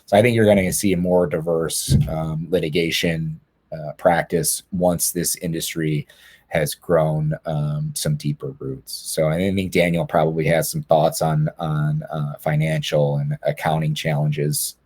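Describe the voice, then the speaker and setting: Low, flat-voiced man on a webinar. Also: unhurried. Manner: earnest, repeats words as he restarts phrases. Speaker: lawyer on a panel. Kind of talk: webinar panel talk.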